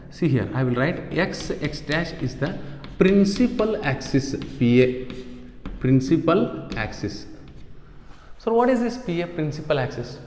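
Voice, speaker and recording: A male science teacher with an Indian accent speaks in a fairly high voice in a very echoey, reverberant room. He repeats his phrases for emphasis and keeps asking questions to check that the class follows. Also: slight background noise. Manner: repeats phrases, asks and answers own questions, checks understanding. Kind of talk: classroom physics lesson.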